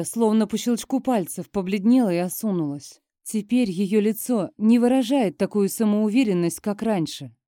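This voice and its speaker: A woman reading a first-person novel aloud as an audiobook narrator, with a measured, expressive delivery. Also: medium pitch, no echo, studio quality.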